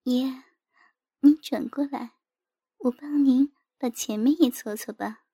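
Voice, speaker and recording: A woman's voice: high voice, a little slow, mellow, no room sound, studio quality. A woman doing a coy, cooing young woman. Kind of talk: storybook character voice.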